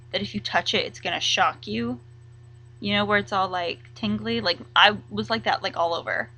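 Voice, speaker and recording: A young woman chatting casually to camera as a vlogger, rambling and halting, full of likes and ums. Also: medium pitch, pushed and bright, low-quality recording.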